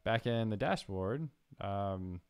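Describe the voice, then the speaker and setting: A young man hosting a coding live stream, thinking aloud with fillers and getting excited. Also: fairly low pitch, slow pace, smooth, no echo. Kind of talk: casual live-coding chat.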